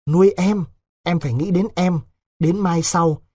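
A man voicing a desperate young village man who presses his case in a hurried, husky voice. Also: high-pitched, no echo, studio quality. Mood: coaxing. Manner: urgent, hushed persuading.

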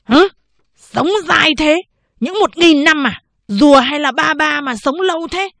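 A woman voicing a gruff, scolding elderly male town chief who barks at his clerk. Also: medium pitch, lively intonation, measured pace, no echo. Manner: barking, scolding.

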